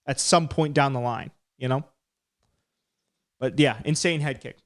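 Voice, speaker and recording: A man's voice: mid-range voice, measured pace. A man hosting a live stream, chatting casually and rambling as he breaks down fights. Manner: chatty, rambling, self-deprecating.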